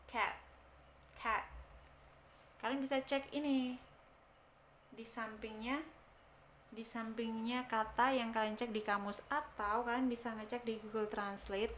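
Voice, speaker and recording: A woman giving a casual pronunciation lesson, chatty, slowly repeating words to demonstrate sounds. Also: on the high side, a little hiss or hum. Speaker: English teacher.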